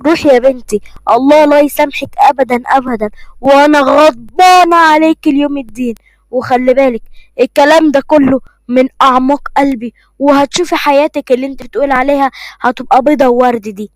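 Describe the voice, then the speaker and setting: A wounded, reproachful Egyptian country mother in a cartoon story, put on by a woman. Her voice is high and she talks fast. The sound is dry and close. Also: dry recording, natural voice, poor audio. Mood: bitter. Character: bitter rural Egyptian mother, middle-aged.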